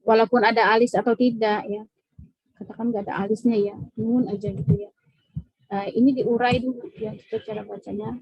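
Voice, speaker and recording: A woman with a slightly high, husky voice gives a patient Quran reading lesson. She repeats each point and keeps checking that her students follow. The recording is dull and dry. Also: little pitch movement, fairly quick, no echo. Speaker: Quran recitation teacher. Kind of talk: classroom tajwid lesson. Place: mosque classroom.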